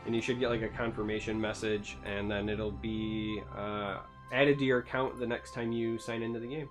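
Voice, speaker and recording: A man's voice: fairly low pitch, steady tone, moderate pace, over music. Dry-humored streamer man hosting podcast. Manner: dry, teasing humor with fillers. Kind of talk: casual chat.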